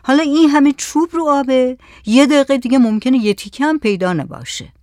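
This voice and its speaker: A woman's voice: high voice, expressive, a little mellow, dry recording, pitched above the performer's own voice. A woman voicing a pensive, wary adult fisherman in a read-aloud story, musing in a dry, close voice.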